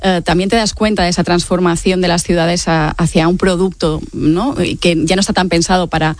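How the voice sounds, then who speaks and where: Her voice is lowish, her intonation fairly even, and she speaks fairly quickly over a dry recording. She is an author from Mallorca, Spain, in her late forties, with a Spanish accent, reflectively explaining her answers in an interview and using frequent tag questions.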